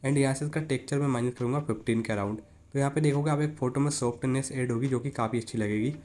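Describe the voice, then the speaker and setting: A man's voice: medium pitch, fast, darkish tone. A man hosting a phone photo editing tutorial, talking viewers through each step in a casual, chatty way. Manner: casual and chatty, calls viewers "buddy" (यार); instructive, repeatedly tells viewers to look. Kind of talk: step-by-step app tutorial narration.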